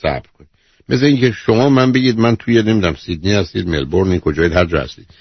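A man's voice: deep voice, fairly even intonation, husky, dry recording, dull audio. A man hosting a call-in advice show, bluntly interrupting and lecturing the caller. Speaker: radio advice host. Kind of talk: call-in counselling.

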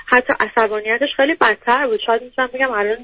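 A woman's voice: fairly high pitch, fairly even intonation, dry recording. Hesitant woman calling in over a dull line. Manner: hesitant, stammering, explaining at length. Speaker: caller. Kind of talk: call-in counseling chat. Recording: dull lo-fi phone-line audio.

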